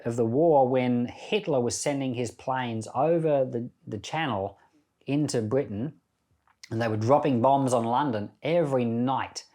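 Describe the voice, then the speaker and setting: On a Bible podcast, a male pastor with a warm, mid-pitched voice reads scripture aloud. He then discusses it in a relaxed, reflective manner, much like informal devotional teaching.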